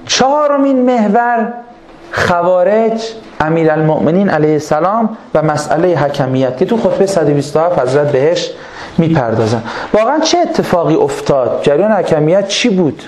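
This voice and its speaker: A man gives a religious lecture as an animated story, slipping into the voices of the people he quotes. His voice sits a little high for a man. The room is echoey, with a faint hum of ambient noise behind him. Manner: lively, acts out quoted voices, colloquial.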